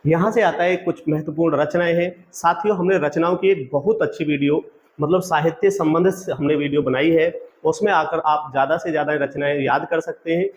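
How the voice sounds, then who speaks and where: This exam-prep teacher talks a little fast, with a fairly high pitch and a steady tone. His quiz-style lecture follows a pattern: question, answer, then the question again so students can repeat, all while he keeps referring to the audience as friends.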